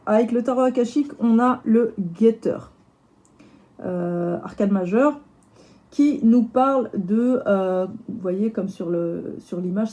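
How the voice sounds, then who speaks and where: Chatty, slightly hoarse woman. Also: mid-range voice, warm tone. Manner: chatty, hesitant, many fillers and restarts. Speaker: tarot reader. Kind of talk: casual tarot reading to camera.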